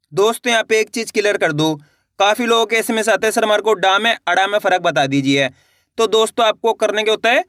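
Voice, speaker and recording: Male teacher, bright crisp voice, dry recording, patient step-by-step drilling. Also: high voice, no echo. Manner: patient, repeats each step, asks the viewer questions. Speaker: Hindi reading teacher. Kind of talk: slow spelled-out reading lesson.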